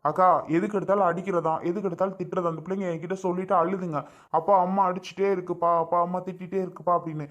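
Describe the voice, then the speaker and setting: A man's voice: high voice, little pitch movement, rapid-fire, fairly bright tone, dull audio. A man playing a stubborn young father. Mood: aggrieved. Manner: firm and determined, polite but unyielding. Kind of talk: family skit acting.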